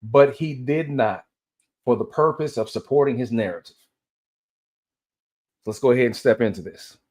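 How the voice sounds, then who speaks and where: A man's voice: medium pitch, normal speed, a little mellow. A man giving casual commentary and reading aloud as a host, speaking with dental aligner braces in and sometimes stumbling over words and correcting himself. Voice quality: slightly impeded articulation from wearing dental aligners.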